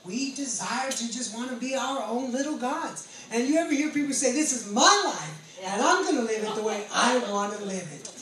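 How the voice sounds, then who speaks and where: With a very high-pitched, fairly bright voice and lively intonation, an American preacher in his late forties from California, a pastor and former convict, shares his testimony sermon at a moderate pace. He stays earnest and emphatic, repeating phrases often, in an echoey room captured by a distant mic with background noise.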